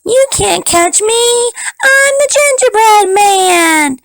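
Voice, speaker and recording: Woman doing a squeaky taunting gingerbread cowboy. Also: expressive, takes it slowly, a bit bright, no echo, full character voice. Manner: high, sing-song taunting chant. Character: cocky gingerbread cowboy boy, boastful runaway cookie. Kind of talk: storybook read-aloud.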